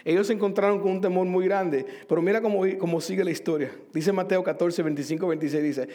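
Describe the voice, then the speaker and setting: A man's voice: sits high, steady tone, fast, mellow. A middle-aged man from Cuba preaching a sermon in a conversational way, asking the congregation questions and joking with them. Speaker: pastor.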